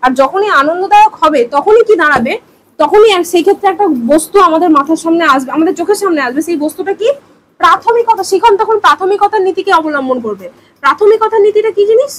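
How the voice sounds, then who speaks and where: A woman's voice: very high voice, lively intonation, fast talker, low-quality recording. A young woman in her twenties giving an exam-prep lecture, explaining with everyday examples and rhetorical questions and mixing in English terms. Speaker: teacher.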